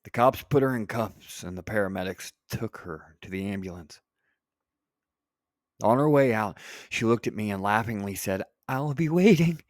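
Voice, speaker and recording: Narrator: a man telling a dark first-person horror tale, unhurried, with a dry, close sound. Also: lowish voice, no echo. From United States. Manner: deliberate, with dramatic pauses and profanity.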